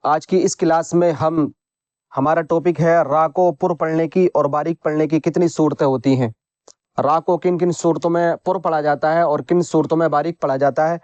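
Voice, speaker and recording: A man teaching Quran reading rules in a patient lesson, repeating each point and spelling out letters slowly. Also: on the high side, steady tone, darkish tone, no echo, lo-fi sound. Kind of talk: slow instructional lesson.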